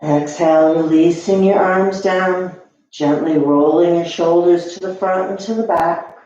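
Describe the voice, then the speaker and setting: A yoga teacher guides a yoga and meditation session in a low, steady, mellow voice with soft edges. She speaks slowly, offering gentle, soothing cues separated by long pauses. The lo-fi recording is very echoey, as if made in a reverberant room.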